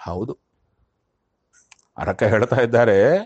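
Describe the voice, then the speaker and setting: A man giving a spiritual discourse, chanting scripture verses slowly and then explaining them in everyday talk. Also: on the low side, darkish tone, slightly rough, dry recording, dull audio. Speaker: religious discourse speaker.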